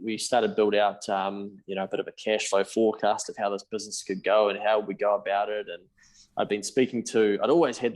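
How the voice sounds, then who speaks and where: A man's voice: on the low side, a little mellow. A man in his thirties with a New Zealand accent, a podcast guest telling his story candidly, swearing casually and acting out past conversations. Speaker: podcast guest, accountant and business founder.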